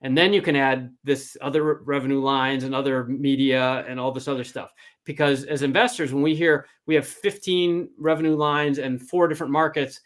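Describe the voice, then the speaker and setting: A man's voice: mid-range voice, fairly even intonation, normal speed. A man giving informal, blunt and emphatic advice as an angel investor coaching a founder, often checking in with "right?".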